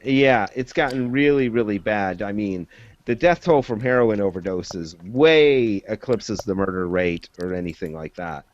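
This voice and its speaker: A man's voice: fairly low pitch, expressive, measured pace, no echo, dull audio. A man in casual chat, talking at length with many fillers and laying out his reasoning step by step. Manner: rambling, many fillers, lays out arguments step by step.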